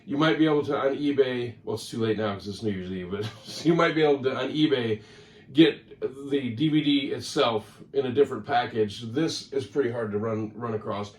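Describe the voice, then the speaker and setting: A man's voice: mid-range voice, moderate pace, darkish tone. Chatty man in a roomy, distant recording. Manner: rambling, chatty, self-correcting. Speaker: record collector vlogger. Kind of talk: casual talk to camera. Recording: roomy sound, mic at a distance.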